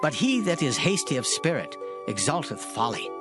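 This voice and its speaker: Loud music plays under a solemn, emphatic reading of King James scripture in formal old English. The reader's medium-pitched voice is very animated and lightly acted, moving at a moderate pace.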